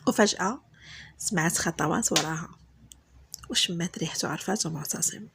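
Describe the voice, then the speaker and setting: A woman with a Moroccan accent narrates a romantic story in a soft, breathy, husky, intimate voice, acting out the dialogue dramatically. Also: on the low side, a little fast, noisy background.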